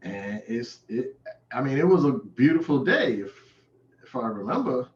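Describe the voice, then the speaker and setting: A DJ being interviewed tells stories in an informal, casual chat, his medium-pitched voice sing-song and moderately paced. He sits far from the mic, and the call audio sounds roomy, dull and noisy.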